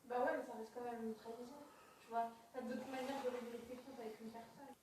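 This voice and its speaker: A woman's voice: on the high side, level tone, fairly quick, background noise. A woman chatting casually and colloquially as she comments on a reality show with someone else. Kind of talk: casual chat.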